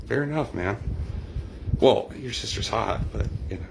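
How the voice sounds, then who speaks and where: Deep-voiced rambling middle-aged man. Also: lively intonation, normal speed, gravelly, slight background noise. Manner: rambling, discursive. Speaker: livestream host and poet. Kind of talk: casual chat with live viewers.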